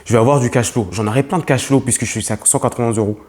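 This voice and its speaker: A man's voice: mid-range voice, steady tone, rapid-fire, a little mellow. Young man, investor vlogger, emphatic, repeats himself, restarts, fillers. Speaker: real estate investor vlogger. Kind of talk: talking to camera as a lesson.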